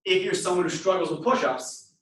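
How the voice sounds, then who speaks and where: A man's voice: sits high, a little fast, a bit bright. A man leading a workout class as instructor, giving step-by-step cues in short repeated instructions. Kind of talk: live workout instruction and counting down reps. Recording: echoey room, voice far from mic.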